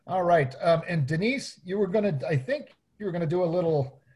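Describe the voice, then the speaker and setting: A man who is mayor, leading casual meeting introductions, relaxed and hesitant with many fillers. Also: high voice, brisk. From Hawaii.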